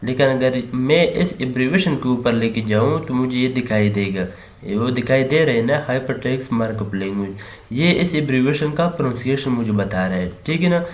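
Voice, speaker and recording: A man's voice: mid-range voice, fairly quick. A man with a Pakistani Urdu accent teaching a screen-recorded coding lesson, explaining steadily and often adding a "theek hai na" check. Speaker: programming tutor. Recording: echoey room with faint hiss. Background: keyboard typing and mouse clicks.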